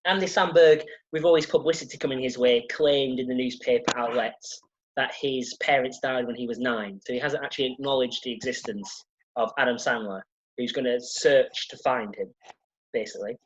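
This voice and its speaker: Brief: husky man, rambling jokey film chat, muffled lo-fi sound. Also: mid-range voice, fairly even intonation, moderate pace. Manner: rambling, jokey, loses his thread. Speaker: podcast co-host. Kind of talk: casual film review chat.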